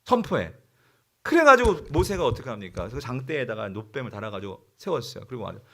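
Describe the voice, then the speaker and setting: A man's voice: medium pitch, sing-song, fast talker. A male pastor delivering a dramatic Sunday sermon, full of rhetorical questions and emphatic repetition.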